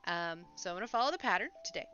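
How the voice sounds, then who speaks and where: A woman's voice: fairly low pitch, expressive, racing, bright, forceful tone, slight background noise. A woman chatting casually as a crochet livestream host, talking a little funny through sinus congestion and a sore, swollen mouth. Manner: slightly impeded speech from a swollen, sore mouth. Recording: dull, lo-fi sound with faint music.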